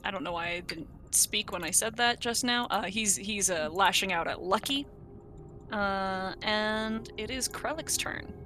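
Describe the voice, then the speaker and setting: A woman narrating as game master of a tabletop game, describing scenes in a measured way. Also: mid-range voice, sharp tone, faint music behind.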